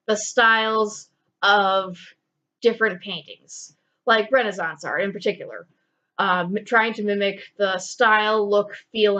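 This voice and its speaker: A woman with a medium-pitched voice co-hosts a casual film review, animated and tossing in playful asides. The recording is dull and lo-fi.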